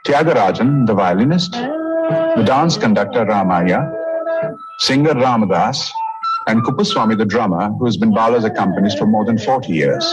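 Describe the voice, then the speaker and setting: A man reading scripted documentary narration in a measured, even tone. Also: fairly low pitch, dull audio, music in the background.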